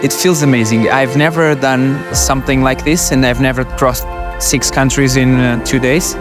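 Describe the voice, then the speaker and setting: Excited Portuguese man rider. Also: medium pitch, moderate pace. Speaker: adventure rider. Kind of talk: documentary interview. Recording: music bed under interview. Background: music.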